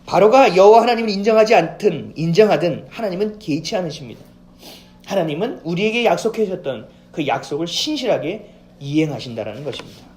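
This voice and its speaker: Lively male pastor, sermon, echoey church sound. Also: a little high, slight background noise. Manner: animated preaching, acts out quoted voices, asks congregation questions. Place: church sanctuary. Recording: echoey church hall with faint ambience.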